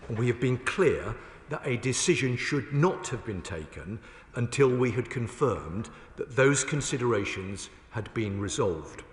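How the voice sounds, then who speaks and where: Man, government minister, parliamentary debate, combative formal rhetoric, emphatic phrasing, mid-range pitch, strong room echo. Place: large indoor parliamentary chamber. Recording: echoey, reverberant large chamber.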